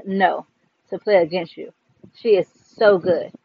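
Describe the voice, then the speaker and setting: A man's voice: high-pitched, a little slow, vocal fry, slightly rough, full character voice. A man reading aloud, voicing a spirited, teasing sixth-grade girl in a storybook, on a slightly dull recording. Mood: eager. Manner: teasing, chatty.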